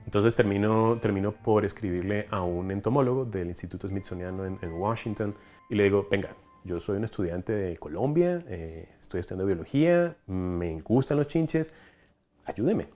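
A man in his forties from Ecuador with a coastal Ecuadorian accent, telling stories with animated enthusiasm in a documentary interview, recorded on a lapel mic in a room lined with specimen cabinets. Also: lowish voice, moderate pace, faint music behind. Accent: Ecuadorian coastal Spanish. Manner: animated, enthusiastic storytelling with hand gestures. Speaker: entomologist, collections coordinator.

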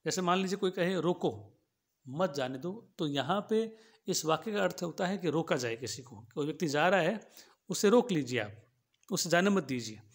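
A man with a fairly high voice lectures on logic in a measured, patient way. He circles back over each idea, rephrasing it and grounding it in plain everyday examples. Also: lively intonation. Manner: explains slowly, repeats and rephrases each point with simple examples. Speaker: philosophy teacher.

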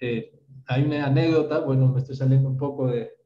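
Speaking a little fast with a warm, medium-pitched voice and fairly even intonation, a Peruvian doctor in his thirties teaches online. He answers questions step by step in Peruvian Spanish, often confirming "¿está bien?". The audio is a roomy, distant, dull video call feed.

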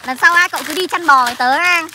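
A woman hosts a playful outdoor vlog, chatting excitedly and calling out to her viewers. Her voice sits high and her words come quickly. The recording is noisy, made out in a farm field. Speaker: vlog host.

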